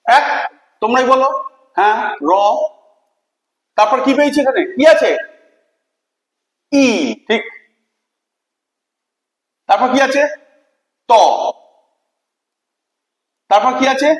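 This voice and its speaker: A man's voice: very high voice, slow pace, long pauses. A male teacher giving a classroom spelling lesson, asking questions and spelling words out letter by letter. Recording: echoey room with long reverb.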